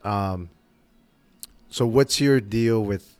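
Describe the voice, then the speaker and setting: A man with a lowish voice hosts a casual podcast chat. He is a barber who tells shop stories, swears freely and acts out the quotes with lively energy. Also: very slow, no room sound. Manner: swears freely, animated storytelling with acted quotes. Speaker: podcast host.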